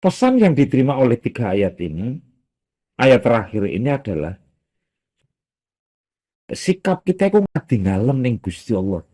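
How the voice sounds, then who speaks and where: A man giving a Quran commentary lesson at a boarding school, lively and acting out quoted speech. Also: mid-range voice, normal speed, pauses often, husky. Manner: animated, acts out quoted speech, mixes in local phrases.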